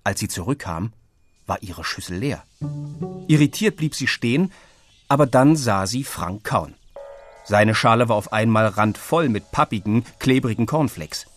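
A man narrating a children's audiobook in a lively way, switching into the characters' voices. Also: medium pitch, moderate pace, faint music behind. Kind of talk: audiobook reading.

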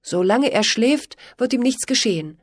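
An anxious young stable boy from a storybook pleads in a raised, lively voice, played by a woman reading aloud. His tone is earnest and a little breathy, recorded dry and close. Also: on the high side, normal speed, no echo, voice pushed up. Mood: pleading. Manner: stammering, pleading.

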